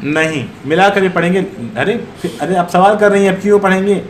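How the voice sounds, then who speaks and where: Higher-voiced man teaching grammar in an echoey room. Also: fairly quick, crowd noise. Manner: quizzes students, corrects patiently. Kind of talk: online Arabic grammar class.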